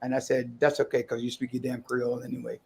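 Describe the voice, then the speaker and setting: Retired male co-host in his sixties, casual on-air talk, measured delivery with a teasing edge. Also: mid-range voice, monotone, creaky, darkish tone, breathy edge. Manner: measured, teasing, switches into Spanish. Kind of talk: casual radio talk show chat.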